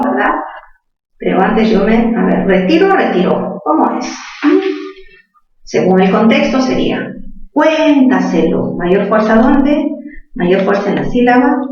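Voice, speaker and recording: A woman's voice: medium pitch, a little mellow. A woman teaching a spelling lesson to students, patiently asking questions and answering them herself. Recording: distant echoey classroom, dull sound.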